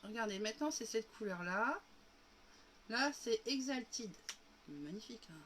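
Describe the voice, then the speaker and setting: A woman's voice: fairly high pitch, measured pace, noisy background. Chatty woman with a cough, livestreaming makeup. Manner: chatty, demonstrating step by step, addressing viewers as girls. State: coughing, recovering from illness. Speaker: makeup live streamer. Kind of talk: casual makeup tutorial livestream.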